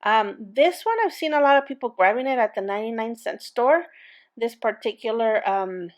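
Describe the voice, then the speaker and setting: A woman with a non-native English accent hosts a relaxed crafting channel tutorial, her voice on the high side and at normal speed. She talks chattily and loosely, restarting often and filling gaps with filler words.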